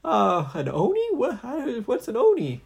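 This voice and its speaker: A man's voice: on the high side, animated, a little slow, creaky, mellow, husky, voice pushed up, exaggerated voice. A man voicing a cowardly, whiny TV superhero who stammers nervously. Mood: panicky.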